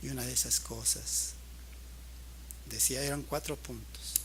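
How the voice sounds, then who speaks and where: A man preaching a sermon who shifts between quiet storytelling and loud, emphatic appeals. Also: medium pitch, steady tone, unhurried, a little hiss or hum. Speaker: pastor.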